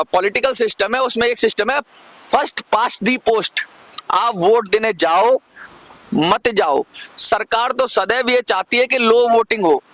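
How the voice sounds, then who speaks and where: A man's voice: very high-pitched, a bit bright, no room sound. A man hosting a commentary video, arguing his case to viewers, repeating points for emphasis and urging them to comment. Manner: persuasive, asks viewers to comment. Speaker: channel host. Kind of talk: direct-to-camera commentary.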